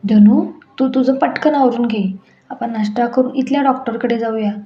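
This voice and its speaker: A woman playing a caring young husband in an audio story, coaxing and protective. The voice is mellow and even, heard in an echoey room with dull sound and faint music. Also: fairly high pitch, moderate pace, close to an everyday voice. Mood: concerned. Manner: coaxing, concerned tone.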